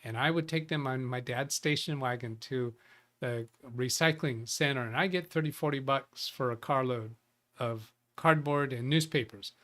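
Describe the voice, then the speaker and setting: In a mid-range, fairly bright voice at normal speed, the host of a live tech show chats casually. He names viewers as he greets them and often restarts his sentences.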